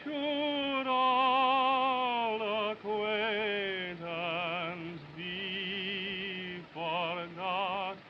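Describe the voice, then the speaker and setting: A woman's voice: mid-range voice, steady tone, drawn-out words. An actress playing a woman who solemnly sings a sentimental song in an operatic early talkie film style. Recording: muffled early film soundtrack with music.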